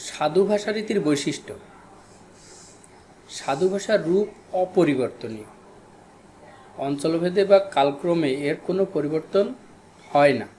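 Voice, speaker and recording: Male schoolteacher from Bangladesh, slightly higher voice, drills terms slowly, faint noise behind. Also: dark tone. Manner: slow, repeats key terms for students. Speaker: teacher. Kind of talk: recorded classroom lesson.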